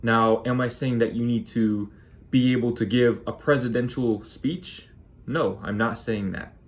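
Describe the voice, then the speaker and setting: A YouTuber in his twenties offers motivational advice directly to camera in a naturally monotone, medium-pitched voice. He slows down to stress key words.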